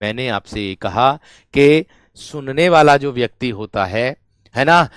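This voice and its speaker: A man's voice: mid-range voice, expressive, a little slow, clear, resonant tone, no echo, studio quality. A man teaching a grammar lesson to students, repeating each phrase again and again and calling them his friends and brave ones. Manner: repetitive, drills each phrase over and over. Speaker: Hindi teacher.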